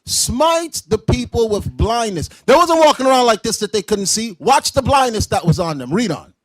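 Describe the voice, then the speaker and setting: A man teaching scripture to a class, loud and confrontational, breaking into shouts and explaining verses in everyday slang. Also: very high voice, animated, moderate pace. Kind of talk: street-style preaching commentary.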